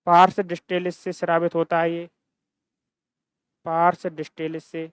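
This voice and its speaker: A man lectures on science in a recorded classroom format, his accent from Hindi-speaking Rajasthan; he repeats key terms and answers questions he raises himself. His voice is on the high side, smooth and monotone, at a moderate pace, with no echo.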